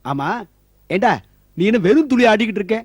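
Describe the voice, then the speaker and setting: A grumbling older male relative who scolds the young father. His voice sits fairly high for a man. He speaks from a little way off the microphone. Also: big pitch swings, brisk, slightly rough, no room sound, clean studio sound, heavily acted. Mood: scolding. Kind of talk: Tamil stage comedy acting.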